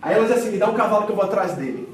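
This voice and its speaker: A high-voiced man preaches, telling the story with vivid acted-out quotes and swinging from loud to hushed. His voice rings through a large echoing church hall, picked up from some distance with faint room ambience behind. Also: lively intonation, very fast, slight background noise. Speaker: pastor. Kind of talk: sermon. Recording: echoey hall miked from a distance.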